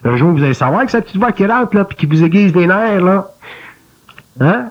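A man with a Québécois accent speaking in a colloquial, animated way in an interview, mimicking inner voices. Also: sits high, fairly quick. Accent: Québécois French. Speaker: guest speaker. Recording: dull lo-fi archival recording.

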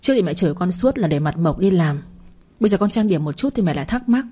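A woman's voice: fairly low pitch, expressive, quick pace, dark tone, slightly rough. A woman voicing a defensive young daughter in a narrated audio story. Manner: defensive, evasive.

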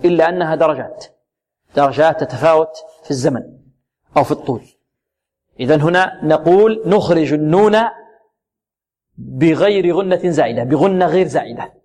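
Man, tajweed teacher, slightly high voice, slow corrective repetition, asks and answers his own questions. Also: darkish tone. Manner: repeats words slowly to model and correct pronunciation; asks questions to the class and answers them himself. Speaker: Quran recitation teacher. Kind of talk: tajweed lesson.

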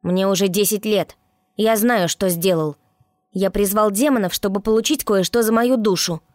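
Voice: medium pitch, normal speed, no room sound, clean studio sound, voice pushed up, close to an everyday voice. A reader voicing a frightened but defiant ten-year-old boy in an audiobook, snapping back in a raised voice. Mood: angry. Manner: defiant, shouting. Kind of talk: audiobook character voice.

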